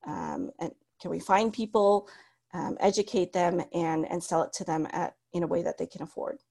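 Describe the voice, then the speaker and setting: An author in her thirties from the United States, whose first language is Cantonese, tells her story as an interview guest. She speaks at a normal speed in a low, creaky voice, sounding reflective, restarting often with plenty of ums and soft laughs.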